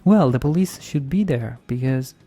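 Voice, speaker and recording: A man's voice: medium pitch, expressive, normal speed, dark tone, muffled recording. A man giving casual game playthrough commentary, arguing his points and repeating them for emphasis. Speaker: video game streamer.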